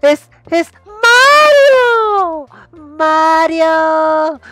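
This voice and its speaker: A man voicing a young princess in a shrill, squealing falsetto as he reads game dialogue aloud. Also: fairly even intonation, extremely slow, sharp tone, heavily acted. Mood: pleading.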